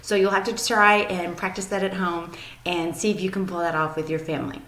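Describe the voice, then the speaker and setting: A woman's voice: lowish voice, flat delivery, a little fast, a bit bright. A woman teacher giving an upbeat, chatty daily video lesson to young students, with many ums. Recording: echoey room.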